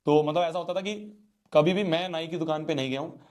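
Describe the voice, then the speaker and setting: Lively young male teacher telling stories. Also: fairly high pitch, fast talker. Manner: lively, playful, addresses the audience. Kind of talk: animated storytelling to students.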